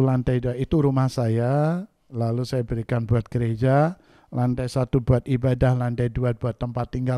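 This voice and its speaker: A man's voice: dry recording, studio quality. A man preaching a sermon as pastor, telling a story animatedly and acting out the voices in it. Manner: animated storytelling, acts out quoted voices with big pitch jumps. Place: church.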